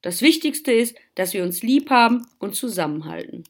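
A caring mother rabbit from a Christmas storybook, as a woman puts her on. She sounds bright and motherly. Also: mid-range voice, animated, normal speed. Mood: warm.

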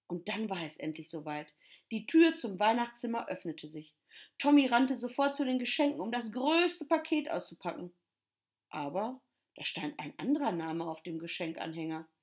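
A woman's voice: lowish voice, a little mellow. Woman reading a children's story. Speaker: storyteller and teacher.

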